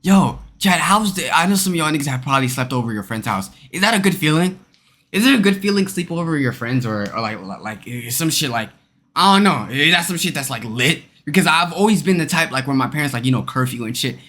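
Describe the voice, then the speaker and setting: A young male streamer talking to his chat in a quick, bright, somewhat high voice. He jokes crudely and riffs casually on whatever comes up. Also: expressive. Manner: rapid, joking, crude, talks to chat. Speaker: streamer reacting to a video.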